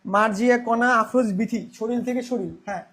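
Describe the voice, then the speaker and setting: A man's voice: extremely high pitch, moderate pace. A young man teaching a Bangla grammar class, repeating key terms and asking then answering his own questions.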